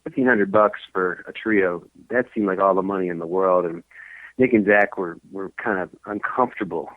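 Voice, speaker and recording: A man in his thirties talks casually as a podcast guest, rambling and restarting his sentences often. His fairly low voice comes through a tinny, phone-quality line, dry and close. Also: moderate pace, no room sound. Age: 30s. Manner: rambling, many fillers and restarts. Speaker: guest musician.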